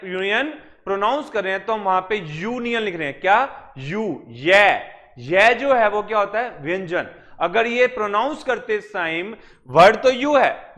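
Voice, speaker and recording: In a classroom full of students, a coaching-center teacher lectures with a high, slightly bright male voice. He keeps asking himself questions and then answering them as part of his explanation.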